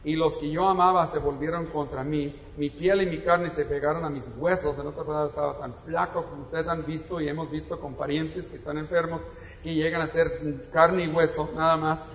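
A man's voice: a little high, flat delivery, a little fast. A man preaching a sermon in a conversational way, now and then rising to emphatic exclamations. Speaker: pastor. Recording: echoey hall, dull lo-fi sound, faint noise.

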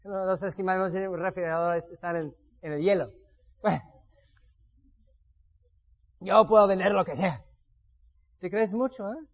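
This preacher speaks in a high-pitched, unhurried way with long pauses, captured in lo-fi sound. His sermon is personal testimony, told as stories in which he acts out his own past words.

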